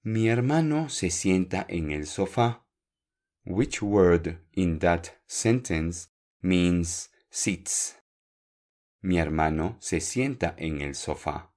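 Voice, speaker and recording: Man, podcast Spanish teacher, deep voice, unhurried, clear and encouraging with learners. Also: expressive, darkish tone. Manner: slow, clear, repeats words for learners. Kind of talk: podcast language lesson.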